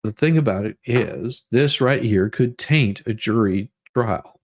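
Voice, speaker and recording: A man with a lowish voice and an unhurried manner runs a livestream where he reads legal documents dramatically. Between passages he offers loose, rambling commentary, frequently repeating himself.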